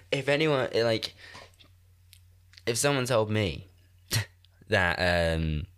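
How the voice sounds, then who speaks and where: The speaker is a man in his twenties with a lowish, slightly bright voice and a blocked, congested nose. As solo host of a podcast recorded on a desk microphone in a shared-house room, he rambles self-mockingly and swears.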